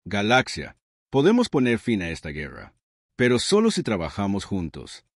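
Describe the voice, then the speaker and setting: A stern alien queen speaks with calm, firm authority, as a man reading the story gives her lines. The voice sits fairly low but moves through a lively pitch range. The sound is dry and close, with no room around it. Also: normal speed, no echo, exaggerated voice. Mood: solemn.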